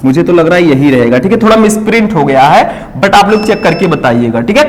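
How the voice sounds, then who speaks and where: Male tutor, fairly high voice, exam-prep lesson, keeps checking students follow, long room reverb. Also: lively intonation, fairly quick. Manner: coaxing, asks students to comment; repeats "ठीक है" often. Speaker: teacher.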